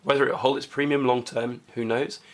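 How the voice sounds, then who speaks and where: A man with a hoarse voice from a cold, hosting a casual coin review vlog and talking chattily with many hesitations. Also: mid-range voice, level tone, brisk. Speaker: coin collecting channel host.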